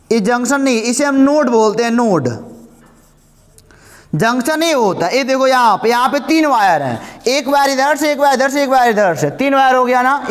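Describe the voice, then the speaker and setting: Male physics teacher, very high voice, repetitive drilling delivery, reverberant room. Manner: repetitive, drills each point, slow dictation. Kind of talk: classroom lecture.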